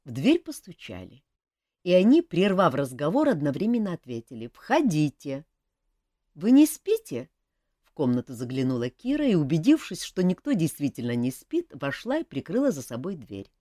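A woman with a low voice narrates a fantasy audiobook. Her expressive reading moves widely in pitch, and the recording is dry and close, with no room sound. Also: a little fast, dry recording.

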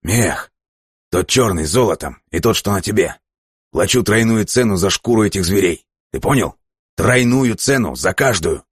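A man voicing a greedy, excitable male ship captain who pleads and shouts in a high, straining voice. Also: moderate pace, breathy edge, no room sound, studio quality. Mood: insistent. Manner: shrill, pleading, rising to shouts.

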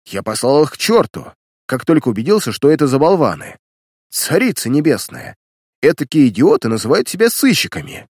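A hot-tempered older millionaire played by a man reading a story aloud, blustering and indignant, his voice jumping high as he shouts. The recording is dry and close, with no room sound. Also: sing-song, moderate pace, breathy edge, no room sound. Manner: loud, indignant outbursts.

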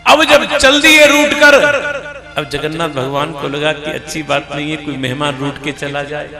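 Gravelly-voiced man preaching a devotional story. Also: on the high side, normal speed, sharp tone. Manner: storytelling with acted dialogue and sing-song lines; calls to audience for chants of Radhe Radhe. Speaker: kathavachak preacher. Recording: echoey hall with music behind.

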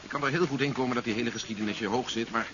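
A man's voice: mid-range voice, racing, fairly bright tone, close to an everyday voice. A man playing a resolute, coolly calculating general in a 1970s science fiction radio play, articulate and matter-of-fact. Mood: grave, placating. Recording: dull 1970s radio recording with hiss.

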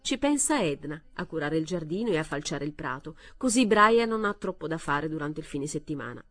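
Low-voiced woman reading a story. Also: no room sound. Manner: measured, expressive narration. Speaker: reader. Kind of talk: audiobook reading of a short story.

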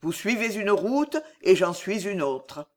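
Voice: mid-range voice, lively intonation, slow. A reader voicing an earnest young knight pleading with his father, fervent and grieving. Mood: sorrowful. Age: young adult. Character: young male knight, earnest and tormented son. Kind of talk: audiobook reading.

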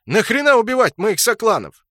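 A man playing a brash, loud male clan leader warrior who gets excitable and pushy. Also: mid-range voice, moderate pace, no room sound, clean studio sound, voice pushed up, lightly acted.

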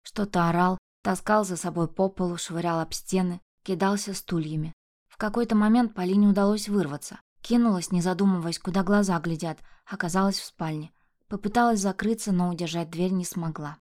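A woman's voice: lowish voice, a little fast, darkish tone. A woman narrating a novel as an audiobook in a tense, dramatic reading.

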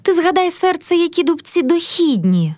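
Woman doing a spoiled young lady, whiny and lamenting, high voice jumping all over, dry close sound. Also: sing-song, normal speed, a little mellow, dry recording. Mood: eager. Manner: plaintive, lamenting.

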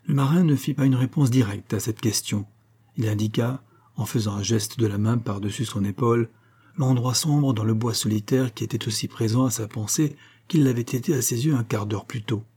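A man reading a classic novel aloud in a steady, measured narration. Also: medium pitch, slightly rough. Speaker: audiobook reader.

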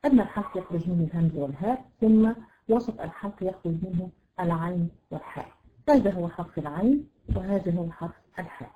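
An Egyptian woman teaching a tajweed lesson online to women students, explaining patiently and demonstrating letter sounds slowly. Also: lowish voice, animated, phone-quality sound. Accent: Egyptian Arabic. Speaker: Quran recitation teacher.

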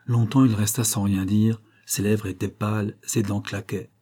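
A man reading a classic novel aloud in a measured, even way. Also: on the low side, breathy edge. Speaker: audiobook reader. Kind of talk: novel narration.

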